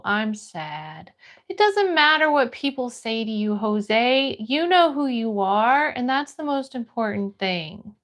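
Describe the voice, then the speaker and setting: Her voice fairly high and a bit bright, an American livestream host chats easily with her audience. She greets viewers by name, reads comments aloud, and stays friendly and supportive throughout.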